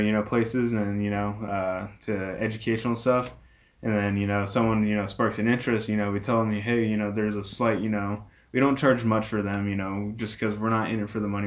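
A man being interviewed as a guest, explaining things casually in a rambling, filler-heavy way. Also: on the low side. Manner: rambling, peppered with "you know". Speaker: interview guest, reptile rescue owner.

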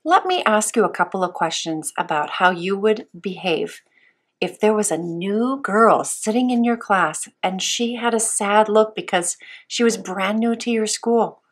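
Female children's Bible teacher, sweet and patient, slow delivery, medium pitch. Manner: sweet, patient, simple questions with pauses. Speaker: children's Sunday school teacher. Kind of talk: Bible lesson for young children.

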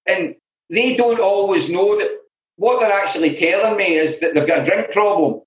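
Speaking as an interview guest in recovery from alcohol, a middle-aged Scotsman with a Glaswegian accent shares his own stories openly, with plenty of "you know" asides. His voice sits high and moves at a moderate pace, and the room around him is roomy and echoey.

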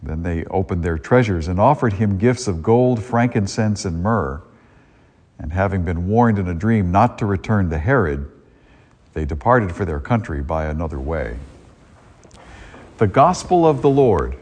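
A husky, low-pitched man speaks at a measured pace, animated yet a little mellow. The priest reads the gospel and then delivers a conversational homily with many restarted sentences, in a church whose long reverb sounds like a cathedral.

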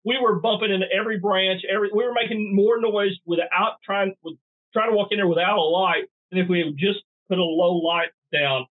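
Middle-aged man, folksy and drily sarcastic, fairly high voice, tinny phone-line sound. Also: fairly even intonation, brisk. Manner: folksy, dry sarcastic humor. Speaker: guest bowhunter. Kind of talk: podcast interview.

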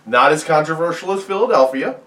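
A man's voice: a little high, animated, brisk, bright, forceful tone, distant mic. A man co-hosting a casual film chat, rambling and laughing through crude jokes. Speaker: podcast co-host. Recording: echoey room, a bit off mic.

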